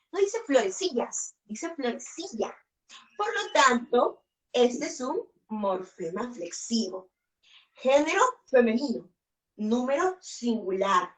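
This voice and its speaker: Woman, teacher, slow careful delivery, higher voice, distant mic. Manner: slow, questioning, explains step by step. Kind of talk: online lecture.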